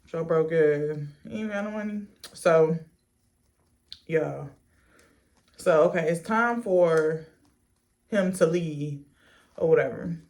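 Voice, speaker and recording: A woman's voice: low voice, darkish tone. A woman vlogger chatting casually through a storytime as she gets ready, blunt and sassy, swearing freely in a stop-and-start delivery. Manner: unhurried stop-and-start delivery while doing a get-ready-with-me.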